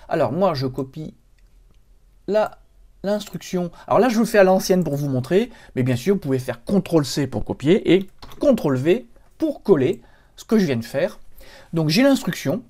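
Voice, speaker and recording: A man talks viewers through a computer tutorial step by step, chatty and loose, with frequent fillers. His voice is mellow and dark in tone, but his pitch swings widely as he points things out on screen. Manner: chatty, explains step by step with many fillers and "hop". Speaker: computer help tutorial host. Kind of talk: screen-recorded software tutorial.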